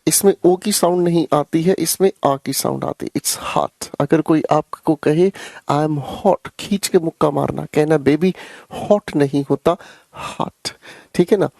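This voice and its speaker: A man's voice: on the high side, gravelly, darkish tone, dry recording, studio quality. Chatty, teasing man teaching grammar. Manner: chatty, teasing, addresses students as beta and bhai. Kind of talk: live online class.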